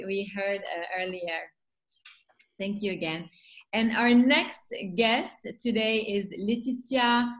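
A woman with a French accent, a festival founder introducing guests on a video call, talking with many pauses and fillers. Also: on the high side, low-quality recording. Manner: hesitant, many fillers, warm welcoming. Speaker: festival founder hosting a panel.

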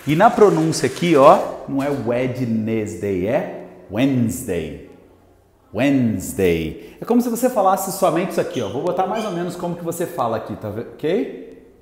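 A man teaching an English lesson to camera, energetic and slowing down to model each word. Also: high voice. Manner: lively, slows down to model English words. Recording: echoey room with long reverb.

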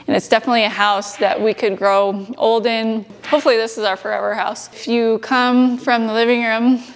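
A woman casually narrating a tour of her family's farmhouse, chatty and relaxed. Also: a little high, slight background noise. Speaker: homesteading vlogger.

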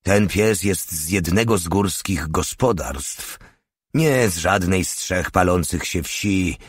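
A man's voice: low-pitched, animated, slow pace, breathy edge, no room sound, studio quality, heavily acted. A man voicing a stern, principled older male soldier who leads the squad in an audiobook, firm and commanding.

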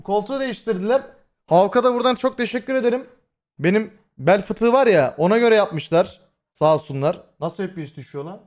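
A man's voice: sits high, lively intonation, a little fast. A young man streaming live, talking casually to his viewers, swearing freely and rambling with many fillers. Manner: swears freely and addresses chat directly. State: voice has been hoarse lately. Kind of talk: casual livestream chat.

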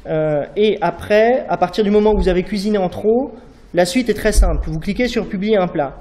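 A man's voice: high voice, brisk, mellow. A man in his thirties gives a live startup demo on stage, conversational, with many fillers and frequent "d'accord?" check-ins. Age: 30s. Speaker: startup founder presenting a demo. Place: university event hall, on stage. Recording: echoey hall, somewhat far from the mic, faint room noise.

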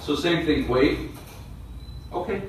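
A male dog trainer calmly explaining and demonstrating training steps, talking to viewers and the dog. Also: fairly high pitch, slow pace, a little hiss or hum. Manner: calm, explanatory, coaxing commands to a dog. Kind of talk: instructional demonstration. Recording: very echoey room, distant mic.

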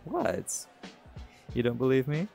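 Over party music, a man takes it slowly in a gravelly, mid-range voice whose pitch swoops wildly. The scripted audio roleplay has him voicing a laid-back, cocky male jaguar shifter, the pack's alpha, who teases easily.

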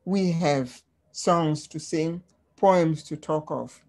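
A woman from Tanzania presenting slides on a webinar in a measured way, with frequent ums, over a video call. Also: deep voice, a little mellow.

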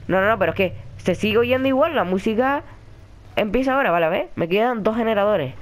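A man with a Spain Spanish accent, commentating a horror game and chatting with viewers in a jumpy, excitable way. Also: sits high, fast talker. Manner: jumpy, excitable, yelps and shrieks when startled; chatty, talks to viewers and a friend in the room. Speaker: gaming commentator. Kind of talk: horror let's-play commentary.

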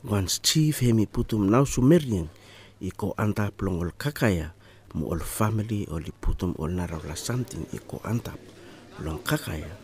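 A man's voice: fairly low pitch, expressive, normal speed, darkish tone. A man with a ni-Vanuatu accent giving scripted documentary narration in Melanesian pidgin, much like Solomon Islands Pidgin. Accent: ni-Vanuatu Bislama, Melanesian pidgin similar to Solomon Islands Pidgin.

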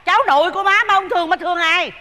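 A performer playing a stubborn older country mother with a Southern Vietnamese accent, scolding fast. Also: pushed and bright, in a large hall. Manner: scolding, quick and shrill.

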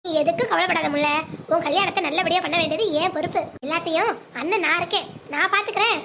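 A woman voicing a caring young man, son and elder brother, in an animated family drama, speaking reassuringly. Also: extremely high pitch, fast, slight background noise, exaggerated voice. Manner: reassuring, steady, protective.

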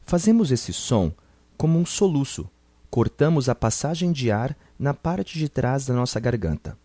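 A man gives a slow, scripted pronunciation lesson in a mellow, warm voice. The recording is dry and close, with no room sound. He models each example word deliberately, as if for students repeating after him. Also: mid-range voice, dry recording. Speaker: English pronunciation teacher.

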